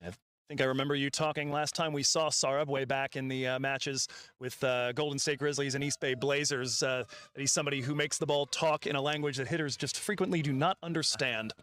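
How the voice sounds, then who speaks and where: A man's voice: medium pitch, fairly even intonation, brisk, fairly bright tone, clear, resonant tone, no echo. A man calling cricket play-by-play, reading out stats with frequent "uh" fillers. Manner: calls the action, quotes stats, frequent fillers. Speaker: cricket commentator. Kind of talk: live play-by-play commentary.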